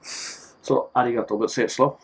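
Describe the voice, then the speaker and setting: A man talks through a relaxed, homemade phrase lesson at an everyday pitch. He jokes between examples and says each word again and again so the listener can copy it. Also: normal speed, husky, poor audio. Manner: relaxed, joking, repeats words to drill them. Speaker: language teacher. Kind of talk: casual language lesson. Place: Japan.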